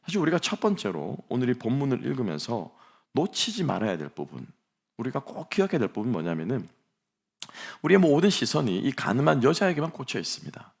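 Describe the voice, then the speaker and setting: A man's voice: medium pitch, wildly swooping pitch, brisk, vocal fry, slightly rough. A middle-aged man preaching a sermon as pastor, telling a story and asking the congregation rhetorical questions.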